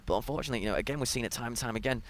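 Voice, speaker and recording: A man's voice: medium pitch, very fast. A man with a British accent giving analytical color commentary on a college soccer match, explaining tactics in a coaching tone with many fillers. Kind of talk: live sports commentary.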